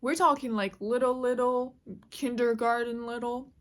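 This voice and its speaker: A woman's voice: on the high side, fairly even intonation, normal speed. A woman telling a casual storytime while she draws, chatty and full of fillers, with casual swearing. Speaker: vlogger.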